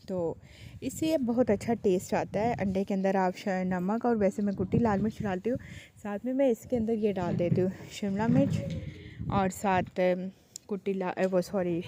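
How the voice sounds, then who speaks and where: Chatty woman vlogger over loud background noise. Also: mid-range voice. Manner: chatty, homely, deliberately slow and careful delivery. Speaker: cooking vlogger and mother. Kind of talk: casual voice-over narration of a cooking vlog.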